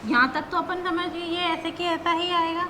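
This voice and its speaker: A woman's voice: very high-pitched, level tone, normal speed, pushed and bright, slight background noise, rough recording. A woman teacher explaining grammar step by step, patient, who often checks in with her students as she goes.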